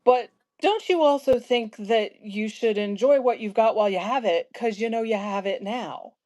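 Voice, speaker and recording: A woman in her fifties from South Central Pennsylvania, hosting a casual conversation and telling stories with lively asides. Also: a little high, normal speed. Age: 50s. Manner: storytelling, animated asides. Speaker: host.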